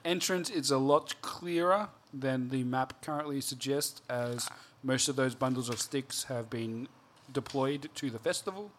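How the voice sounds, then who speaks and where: Slow-talking game master man. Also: mid-range voice, a little hiss or hum. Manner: hesitant, many fillers. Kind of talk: narrating a tabletop game.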